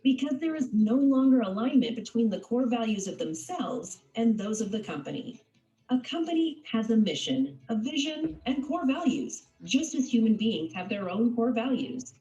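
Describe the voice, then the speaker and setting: A woman with a mellow, somewhat high voice reads a polished script in a measured, persuasive way. The sound is muffled and echoey, as if a video were being played back into a room. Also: sing-song. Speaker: video narrator. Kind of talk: scripted narration.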